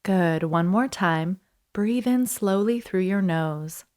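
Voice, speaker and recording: A woman instructor leading a guided breathing meditation in a soothing, unhurried way, leaving pauses between short instructions. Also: medium pitch, darkish tone.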